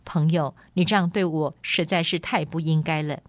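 A woman voicing a gentle young queen who pleads and reproaches in a quick, high voice, in a radio audiobook reading. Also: fairly even intonation, no room sound, natural voice. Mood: reproachful pleading. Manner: quick, high-pitched, imploring.

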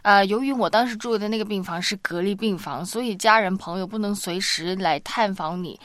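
A woman co-host chats easily on a faith radio program and slips into personal stories as she talks. Her voice sits at a middle pitch and comes across close and dry, with no room sound around it. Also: brisk, a bit bright, no echo. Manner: chatty, sharing personal stories. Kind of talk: casual faith radio chat.

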